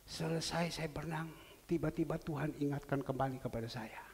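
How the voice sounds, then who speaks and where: A male pastor delivers a sermon in a fairly high, gravelly voice. He tells his stories with lots of drama, swinging between loud cries and near-whispers. The sound carries a long reverb from a church hall. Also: a little fast. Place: church sanctuary.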